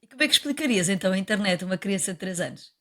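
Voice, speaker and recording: A woman's voice: medium pitch, lively intonation, rapid-fire. A woman with a European Portuguese accent, hosting a podcast and asking her guest curious questions. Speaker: podcast host. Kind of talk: podcast interview.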